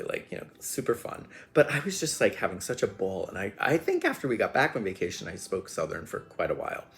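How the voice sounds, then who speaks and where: Male host, casual monologue, chatty and rambling, slightly low pitch. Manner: chatty, full of "like" and "you know". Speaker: podcast host.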